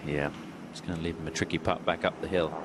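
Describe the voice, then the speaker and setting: A man's voice: a bass voice, level tone, fast. A man commentating live on golf, on an outdoor broadcast with ambient noise.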